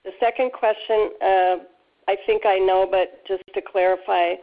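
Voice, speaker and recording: A woman's voice: mid-range voice, fairly even intonation, moderate pace. A woman calling in on speakerphone, asking methodical, polite questions on a Q&A call. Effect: phone on speakerphone. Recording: tinny phone line on speaker.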